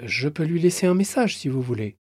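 A man's voice: a little high, very animated, a little fast, a little mellow, breathy edge, no room sound, clean studio sound, pitched above the performer's own voice. A man voicing a tired young female benefits clerk, polite and a little uneasy. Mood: politely firm.

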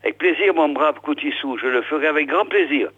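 A poor, simple-minded village man with a nasal voice, pitched well above normal talk, as a male storyteller puts him on. He calls out and pleads plaintively. The sound is thin and tinny, like an old phone-line recording. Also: lively intonation, brisk, husky. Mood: pleading. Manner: high plaintive calling.

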